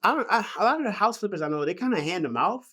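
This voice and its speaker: A man's voice: high voice, expressive, racing, sharp tone, breathy edge. Laid-back slangy man on a podcast. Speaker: real estate agent, podcast guest. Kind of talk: casual podcast chat.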